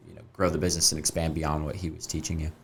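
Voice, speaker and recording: A man's voice: rumbling low, little pitch movement, very fast, gravelly, a bit bright, husky. A man co-hosting a podcast in an easygoing way, mostly making short remarks. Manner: brief interjections, easygoing. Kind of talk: casual interview talk.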